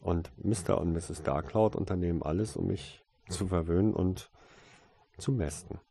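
Rika, a soft-voiced young woman, read by a man. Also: sits low, moderate pace, vocal fry, slight background noise. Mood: tender. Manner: soft, tender and affectionate. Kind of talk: audiobook character voice.

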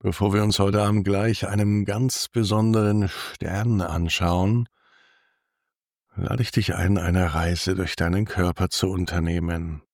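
A man narrating a guided sleep meditation as host, in a soothing, hushed manner with long pauses. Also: deep voice, flat delivery, no room sound, studio quality.

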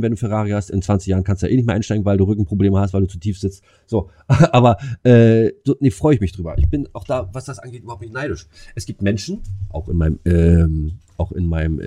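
A man's voice: low voice, warm tone. A man in casual conversation, talking bluntly with slang and lots of filler words and restarts. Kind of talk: casual chat.

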